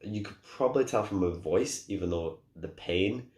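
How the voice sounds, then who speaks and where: Hoarse deep-voiced young man, rambling. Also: moderate pace, darkish tone, echoey room. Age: young adult. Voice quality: very deep, cracking voice. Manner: rambling, restarts often, apologetic. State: hoarse, sore throat. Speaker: gaming YouTuber. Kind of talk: casual rambling vlog.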